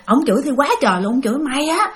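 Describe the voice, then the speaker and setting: A woman's voice: on the high side, rapid-fire. A woman casually telling a spooky first-person story, referring to herself in the third person and speaking directly to her listeners.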